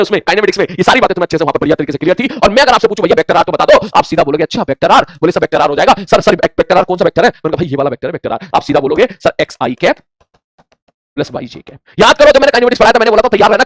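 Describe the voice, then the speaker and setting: A man's voice: sits high, dry recording. A man teaching a physics lesson for exam prep. He acts out his students' answers and keeps asking if they follow. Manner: rapid, animated teacher who acts out student replies; addresses students informally, asks checking questions.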